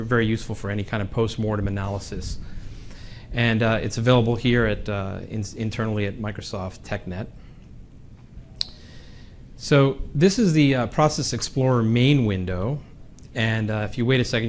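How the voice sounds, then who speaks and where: A man presenting a technical session at a conference, relaxed and joking, with some fillers. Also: mid-range voice, a little hiss or hum. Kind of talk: conference tech talk. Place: conference room.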